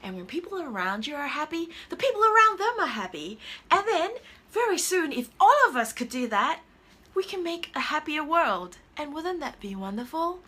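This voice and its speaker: A woman hosting a casual motivational live talk, earnest and emotional, with her voice jumping higher when she quotes herself. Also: big pitch swings, normal speed, pushed and bright. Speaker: host of a live video chat.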